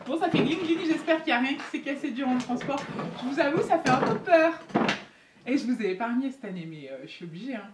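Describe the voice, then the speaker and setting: High-voiced excitable woman unboxing. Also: normal speed. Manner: chatty and excitable, giggly. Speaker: beauty vlogger. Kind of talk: casual unboxing chat. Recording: echoey room, faint noise.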